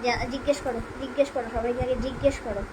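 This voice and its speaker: A woman's voice: on the high side, fairly even intonation, rapid-fire, noisy background. A mother live-streaming with her baby son, chatting to viewers in a coaxing, sing-song baby-talk voice. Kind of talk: casual live-stream chat.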